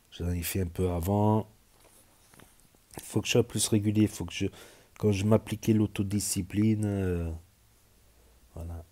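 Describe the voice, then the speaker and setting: A man's voice: low voice, warm tone. A man with a southwestern French accent, rambling casually with frequent hesitations as he comments on social media stories. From southern France.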